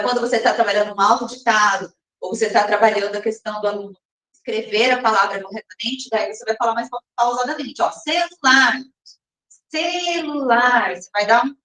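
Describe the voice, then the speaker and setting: A woman teaches a recorded lesson in a slightly high voice, explaining step by step and pausing to check that her listeners follow. She slows to read some passages aloud. Her voice is set back from the mic with a roomy echo around it. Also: steady tone, a bit bright, far from the mic. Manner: slows down and reads some passages slowly, as if from a text.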